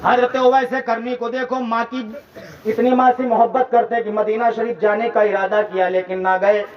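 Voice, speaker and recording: A man giving an impassioned religious sermon to a large gathering, telling a story and rising to shouts while prompting the crowd to respond. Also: very high voice, level tone, moderate pace, far from the mic, lo-fi sound. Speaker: maulana preaching.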